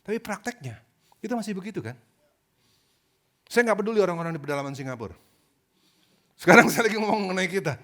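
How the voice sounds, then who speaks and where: Man, pastor, sermon, high-pitched, very animated delivery, slangy joking stories. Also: fast, long pauses. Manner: animated storytelling with slang and jokes.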